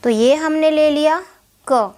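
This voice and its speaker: A woman's voice: high-pitched, a little mellow. A young woman teaching a shorthand lesson step by step, patiently asking questions and answering them herself. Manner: slow, patient, checks in with "ठीक है" often.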